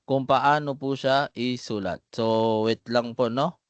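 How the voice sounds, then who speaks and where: Guy teaching letters over a video call, slow and patient, smooth clear voice, dry sound. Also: medium pitch, fairly even intonation, dry recording, lo-fi sound. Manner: slow, patient, calls students by name. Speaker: Arabic alphabet teacher. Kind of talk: online class drilling letter sounds.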